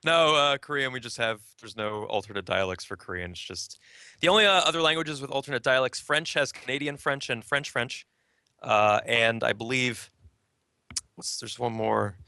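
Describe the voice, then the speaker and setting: A man talking as a game developer guest in a casual interview, animated and explaining. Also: mid-range voice, normal speed, clean tone, no echo, clean studio sound.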